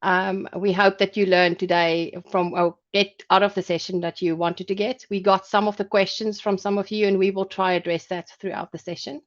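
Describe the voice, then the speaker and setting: A woman's voice: medium pitch, level tone, moderate pace, few pauses. A woman born in South Africa presenting a business webinar over a video call, explaining points in a loose, conversational way. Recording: dull lo-fi call audio.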